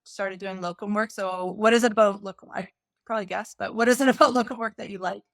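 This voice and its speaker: A woman hosting a podcast interview, chatty and lively, thinking aloud with quick restarts. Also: mid-range voice, no room sound, clean studio sound. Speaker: podcast host. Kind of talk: casual interview chat.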